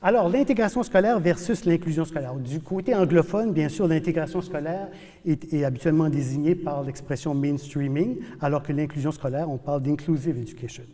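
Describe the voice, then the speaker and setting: A professor lectures with animated emphasis, repeating key words to drive them home. His voice sits fairly high but sounds mellow and soft-edged. The sound carries a long reverb from a large hall. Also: fairly quick. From New Brunswick, Canada.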